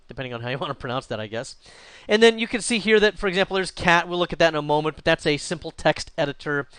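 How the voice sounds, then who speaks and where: Guy walking thru a computer tutorial, kinda high voice, smooth and crisp, dry close mic. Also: no echo. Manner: relaxed, thinking aloud with frequent uh and restarts. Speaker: instructor. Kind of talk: screen-recorded software tutorial.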